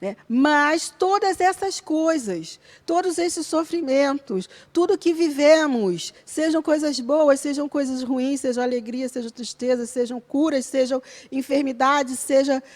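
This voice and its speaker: A woman leads a church Bible study class. Her voice sits high, and she explains each verse earnestly and step by step. She keeps checking in with her listeners through short tag questions. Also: measured pace, hardly any pauses, a little mellow. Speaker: Bible school teacher.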